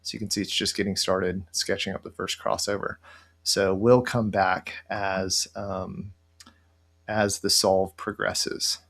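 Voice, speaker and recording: In an indoor room, a middle-aged software tutorial presenter records his screen and webcam while walking through a program. His voice is low with lots of creak. He speaks in a relaxed, stop-start way as he thinks out loud, keeping his pitch fairly level.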